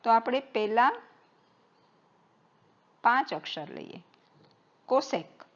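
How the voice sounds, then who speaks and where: Slow, patient woman teaching math. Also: a little high, expressive, lo-fi sound. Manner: slow, patient, spells out terms letter by letter. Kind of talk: board-writing math lesson.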